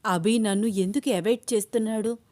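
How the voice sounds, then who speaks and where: A woman's voice: medium pitch, fairly even intonation, a little fast, mellow, lightly acted. A woman voicing a scheming, jealous young woman in a spoken storybook. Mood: anxious.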